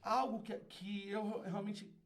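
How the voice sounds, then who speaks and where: Slow and level in tone, his voice high-pitched, a Brazilian man speaking with a Brazilian Portuguese accent tells animated stories as a podcast guest. The community founder is exuberant, laughing and loudly performing different voices.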